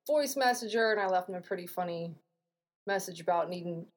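A woman's voice: on the low side, animated, fairly quick, noisy background. Crude, joking young woman podcaster. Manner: joking and crude, laughing often. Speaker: podcast co-host. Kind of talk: casual chat.

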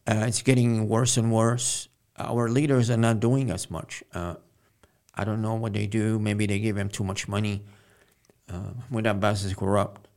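Gravelly low-voiced man from Jerusalem. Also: level tone, darkish tone. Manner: halting, earnest, many pauses. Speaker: guest poet. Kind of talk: casual interview talk.

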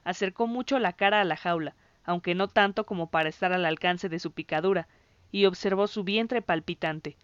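A woman narrating a story in the first person, in an even, measured reading. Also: fairly low pitch, clean tone, no room sound, highs cut off. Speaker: audiobook narrator.

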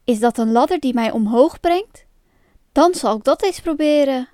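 A woman's voice: sits high, expressive, moderate pace, dark tone, no echo, clean studio sound. Woman reading as a kind young prince. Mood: wondering.

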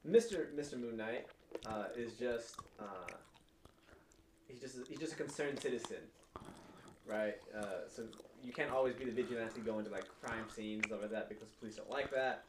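A man's voice: medium pitch, normal speed, roomy sound, noisy background. A man co-hosting a casual podcast, rambling with lots of fillers and swearing freely. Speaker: podcast co-host.

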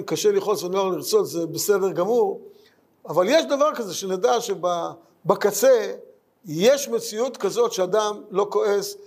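High, gravelly-voiced man teaching Talmud. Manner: earnest, rhetorical questions, repeats points. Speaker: Torah teacher. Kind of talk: Talmud lesson.

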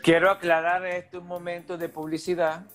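A man's voice: sits high, level tone, normal speed, fairly bright tone, soft background music. A man cracking teasing jokes in a casual chat among friends. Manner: teasing, wisecracking.

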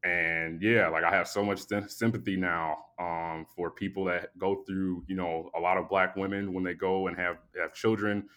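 A man's voice: deep voice, moderate pace, few pauses. Sleepy man telling a story casually. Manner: animated, profane, acts out both sides of the exchange. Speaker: podcast host.

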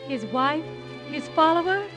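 An actress playing a devoted, ardent young noblewoman in a slow, rapturous 1940s radio operetta style. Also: high-pitched, animated, music in the background. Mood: adoring. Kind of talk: 1940s radio operetta, speech turning to song.

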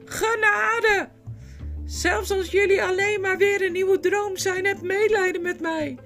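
Woman doing a panicked, pleading castaway man for a storybook; very high, frantic. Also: steady tone, measured pace, fairly bright tone, soft background music, full character voice. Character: terrified wild-haired castaway man, desperate.

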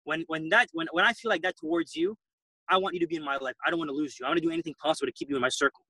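A man talks fast and emphatically in an interview, often repeating words as he drives a point home. His voice sits a little high for a man. The sound is dry and close. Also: pushed and bright, no echo, rough recording. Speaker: guest entrepreneur. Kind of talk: interview answers.

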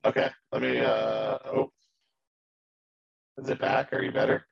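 A man chatting casually as a sports podcast co-host, his voice coming through glitchy robotic audio with jumping pitch. He stays relaxed and laughs off the trouble. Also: measured pace, vocal fry. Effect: glitchy robotic audio breaking up, jumping pitch. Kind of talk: casual chat, football picks. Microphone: video call. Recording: dull lo-fi call audio.

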